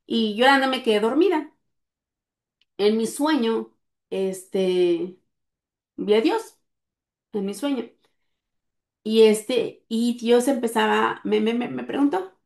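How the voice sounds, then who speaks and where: A woman's voice: fairly high pitch, darkish tone. Woman, middle-aged, earnest, filler-heavy storytelling, roomy echo. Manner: earnest, speaks with frequent fillers. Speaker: guest sharing testimony. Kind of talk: personal storytelling.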